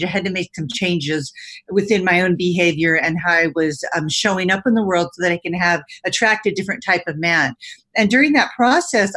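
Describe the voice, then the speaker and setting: A woman's voice: lowish voice, a bit bright. A woman in her fifties from California, a relationship coach speaking earnestly and reflectively as an interview guest. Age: 50s.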